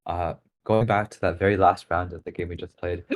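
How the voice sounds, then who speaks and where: A young male co-caster chats about the matches in an easygoing, joking tone. His voice is very deep and low. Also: steady tone, fairly quick. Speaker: esports caster. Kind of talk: casual esports commentary chat.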